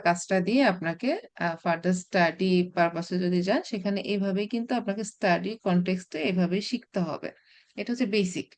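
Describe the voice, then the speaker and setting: A woman teaching a recorded Arabic class, explaining patiently with many pauses and restarts, mixing in English terms. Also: medium pitch. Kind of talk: recorded online class lecture.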